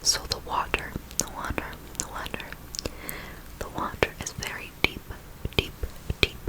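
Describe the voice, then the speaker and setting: A woman speaking in a soft, breathy ASMR whisper, telling a rambling personal story and slowly repeating words and phrases. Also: poor audio. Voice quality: whispery, mostly unvoiced, with creaky edges. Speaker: ASMR video host.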